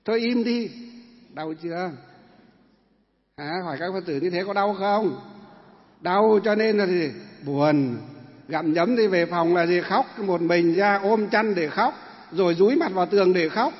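A man's voice: high voice, moderate pace. A man, a monk giving a sermon to a large audience, chatty, quizzing listeners and acting out family quarrels. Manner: conversational, asks the audience questions, acts out family quarrels. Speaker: Buddhist monk. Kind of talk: dharma talk sermon. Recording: dull echoey hall recording.

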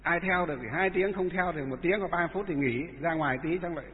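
A man, a Buddhist monk giving a dharma talk and telling stories, with many halting filler sounds. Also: on the high side. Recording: echoey hall, tinny phone-like sound.

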